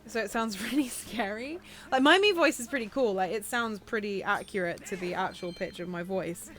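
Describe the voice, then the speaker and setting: A woman's voice: medium pitch, moderate pace, fairly bright tone. A young British woman co-hosting a gaming channel, chatting casually over gameplay and laughing often.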